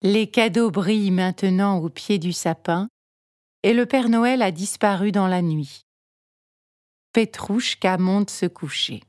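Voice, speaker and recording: A woman reading a children's storybook aloud in a calm, measured way. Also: medium pitch, dry recording, clean studio sound. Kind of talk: storybook read-aloud narration.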